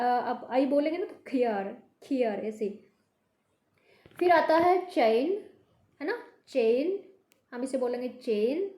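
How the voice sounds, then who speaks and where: A woman teaching a Hindi class, patiently repeating each word slowly to show how it should sound. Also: high-pitched, warm tone, reverberant. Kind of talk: online language lesson.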